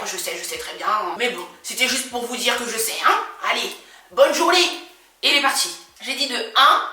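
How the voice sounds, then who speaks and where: A woman vlogger retelling a story in an animated, dramatic way, laughing often, recorded at home in an echoey room with faint music underneath. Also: high-pitched, distant mic. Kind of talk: storytime vlog.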